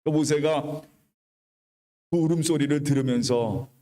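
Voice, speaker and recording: A male pastor preaching a sermon, retelling the story in a lively, colloquial way and leading the congregation to repeat phrases after him. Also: on the high side, measured pace, big-room sound. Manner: preaching with call-and-response to the congregation. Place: church sanctuary.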